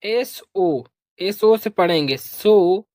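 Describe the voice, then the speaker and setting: A woman teaching English pronunciation, spelling out letters slowly, asking questions and repeating the answers. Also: mid-range voice, animated, mellow, dry recording, studio quality.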